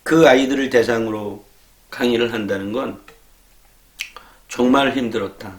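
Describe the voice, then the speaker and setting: A man lecturer telling a casual story, acting out scolding students with quick laughs. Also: medium pitch, reverberant. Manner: animated, acts out exasperated scolding of students with laughs. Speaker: education lecturer.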